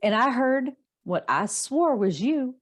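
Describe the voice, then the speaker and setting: A woman co-hosting a podcast, telling a story in lively casual chat and acting out the lines she quotes. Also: high-pitched, slow. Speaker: podcast co-host.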